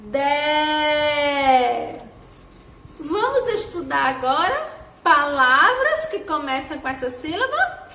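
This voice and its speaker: A woman teacher giving a children's phonics lesson, sounding out each syllable slowly in a sing-song way. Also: high-pitched, big pitch swings, sharp tone. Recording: echoey room with faint background noise.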